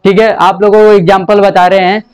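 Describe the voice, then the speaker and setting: A man's voice: high voice, flat delivery, fairly quick, darkish tone, clear, resonant tone. A male science teacher giving a jokey classroom lecture, repeating questions to students and calling for their attention. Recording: noisy classroom crowd. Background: students talking and laughing.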